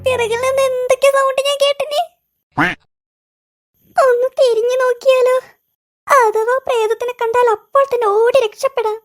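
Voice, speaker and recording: A voice artist with a Malayali accent playing jittery, easily frightened young boys in a cartoon, chattering fast and wailing in fright. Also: very high voice, level tone. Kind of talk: cartoon voice acting.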